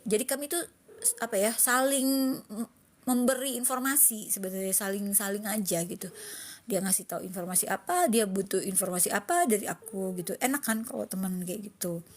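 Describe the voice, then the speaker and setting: A woman chatting casually on a live stream about her day, rambling to her viewers and now and then cooing at her cats in baby talk. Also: mid-range voice. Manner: calls her cats in baby talk, calling herself Mami. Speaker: cat owner live-streaming.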